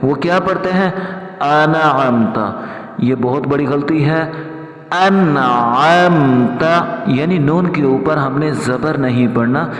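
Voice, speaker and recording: A man with a fairly high voice teaches tajweed, explaining common mistakes in calm talk. He then chants each verse slowly, stretching the sounds. The recording rings with the long echo of a large hall. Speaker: Quran recitation teacher. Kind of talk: tajweed lesson with chanted recitation. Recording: echoey hall.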